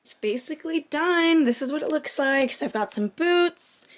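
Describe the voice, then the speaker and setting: A woman's voice: sits high, expressive, normal speed. A young woman talking casually to her vlog audience, recorded indoors at home. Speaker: vlogger.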